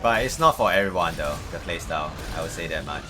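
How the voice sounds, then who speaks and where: Against a noisy background with music, a male game streamer with a Malaysian accent hosts his livestream in quick, expressive, low-voiced casual chat. He sounds hesitant and tends to repeat his words.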